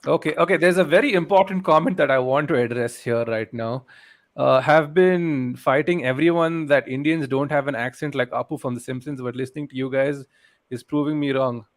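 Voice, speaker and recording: A man's voice: mid-range voice, brisk. Guy co-hosting a footy podcast, casual chat, lots of uh and what do you call. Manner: hesitant, searches for words with fillers. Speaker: podcast co-host.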